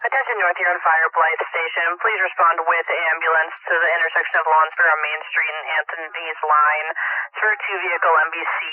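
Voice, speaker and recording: Flat, higher-voiced male radio dispatcher. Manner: procedural, clipped announcements. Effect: two-way radio. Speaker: fire dispatcher. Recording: narrow-band dispatch radio.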